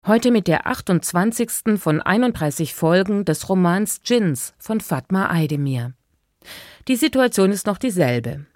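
A woman with a lowish voice presents a radio reading series in a composed, scripted way. The studio sound is close and dry. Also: darkish tone, dry recording.

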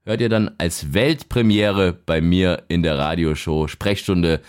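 A man's voice: low voice, measured pace, clean tone. A man in his thirties hosting a music podcast and radio show, chatting casually and joking. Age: 30s. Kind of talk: casual podcast narration and chat.

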